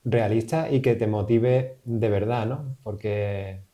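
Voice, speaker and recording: A man hosts a relaxed podcast conversation. His voice is low and very dark and mellow, and he talks casually, feeling his way through thoughts with hesitant tag questions. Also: slow pace. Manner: casual, tentative, frequent "¿no?". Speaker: podcast host. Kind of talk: conversational interview.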